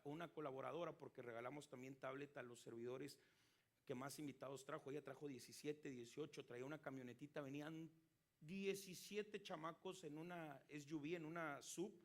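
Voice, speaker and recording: A man's voice: on the high side, creaky. A man with a Mexican Spanish accent, preaching as a pastor and asking his listeners questions as he tells a story. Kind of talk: sermon.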